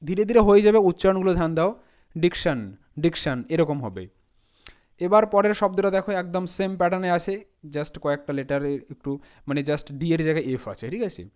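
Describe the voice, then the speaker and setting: A man's voice: high voice, fairly even intonation, fast talker, darkish tone, smooth, highs cut off. A man teaching English pronunciation as a spoken lesson, patiently spelling words out letter by letter.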